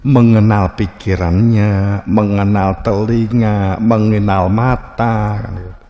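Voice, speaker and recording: A man's voice: fairly low pitch, fairly even intonation, slow pace, long reverb tail, lo-fi sound. A man with a Javanese accent giving a religious study lecture. He talks without hurry, jokes, and acts out little scenes. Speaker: religious teacher.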